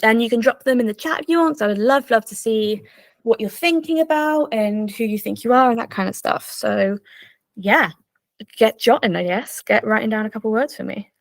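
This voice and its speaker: A woman's voice: on the high side, fairly quick, vocal fry, no echo. A young woman presenting an online workshop in a bubbly, chatty way, full of fillers. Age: young adult. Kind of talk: casual online workshop talk.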